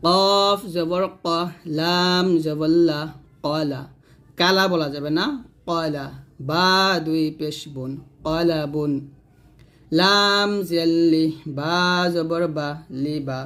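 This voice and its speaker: A man teaching Quran reading, spelling out each letter and vowel mark slowly, then joining them and pointing out common mistakes. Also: on the high side, fairly bright tone. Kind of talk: slow syllable-by-syllable spelling lesson.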